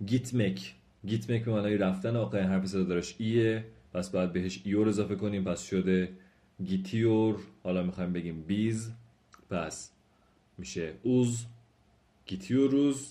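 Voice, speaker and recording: This is a language lesson from a man whose voice is low, warm and dark. Each point gets a patient explanation, the example sentences come slowly and more than once, and he keeps his tone courteous and formal toward the audience.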